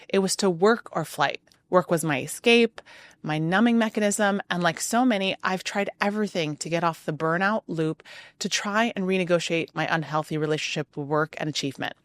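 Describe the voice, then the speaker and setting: A middle-aged woman whose first language is Arabic hosts a podcast from a hotel room, giving an earnest scripted monologue full of rhythmic lists and emphatic pauses. Her voice is on the low side, and the recording is dry.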